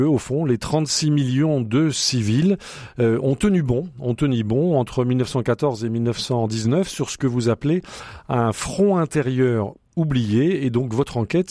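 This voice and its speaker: A man hosting a radio interview, presenting in a measured, formal way. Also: mid-range voice, mellow, dry recording. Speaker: radio host. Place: radio studio.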